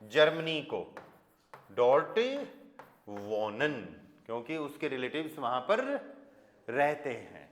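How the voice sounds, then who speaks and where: A man with an Indian accent teaching a German grammar class in Hindi, explaining slowly and mixing in English and German examples. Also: medium pitch, slight background noise. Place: classroom with students and online learners. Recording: echoey classroom.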